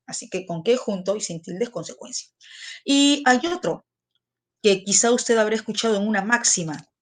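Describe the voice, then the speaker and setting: A woman's voice: medium pitch, brisk. A middle-aged woman teacher giving a classroom lesson, repeating key terms and putting questions to her students.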